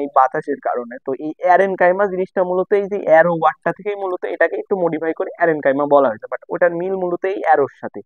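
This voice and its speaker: A young man from Bangladesh tutors students in a casual lesson, repeating and rephrasing each point. His voice is a little high, and the recording is dry, tinny and phone-like.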